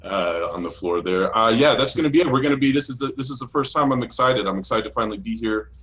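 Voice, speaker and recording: A man playing a blue alien co-host of a comedy talk show, laid-back and halting, with plenty of fillers. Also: medium pitch, a bit bright, close to an everyday voice, rough recording.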